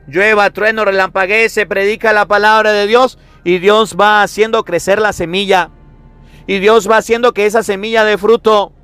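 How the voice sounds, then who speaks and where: Emphatic high-voiced priest preaching. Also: male voice, fairly bright tone, smooth, no room sound. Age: 30s. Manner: emphatic, repetitive preaching with rhetorical questions. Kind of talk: sermon.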